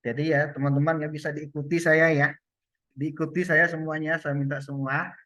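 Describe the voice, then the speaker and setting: A man's voice: fairly high pitch, little pitch movement, normal speed, fairly bright tone, dry recording. A man giving a loose online training on communication, with many fillers and restarts. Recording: muffled lo-fi sound.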